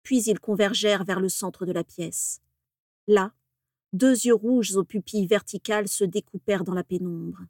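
A woman narrating a story in a measured, steady audiobook reading. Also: medium pitch, no room sound, studio quality.

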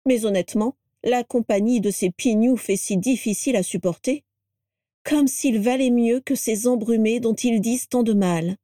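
A mischievous witch speaks in a mellow, low-lit tone, amused and sure of herself, as a woman narrator voices her. The delivery is close and dry, with no room sound. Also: moderate pace, dry recording, close to an everyday voice. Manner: sly, amused, confident.

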